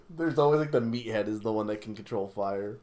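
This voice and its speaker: A man's voice: fairly low pitch, lively intonation, normal speed, warm tone. A man giving casual, joking gameplay commentary, teasing the game as he plays. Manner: joking, teasing the game's writing. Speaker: gamer reading game dialogue aloud.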